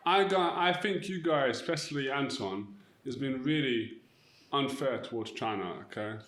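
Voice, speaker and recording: A man's voice: mid-range voice, normal speed, a bit bright. A young man with a London accent, a podcast co-host who bickers in a provocative, mock-serious way. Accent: London English. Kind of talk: casual group banter. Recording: echoey room.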